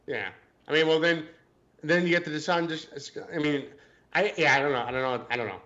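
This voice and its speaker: A man's voice: on the high side, fairly quick, pushed and bright, highs cut off. A man co-hosting a casual sports podcast, hesitant and joking, often restarting his sentences. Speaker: podcast co-host.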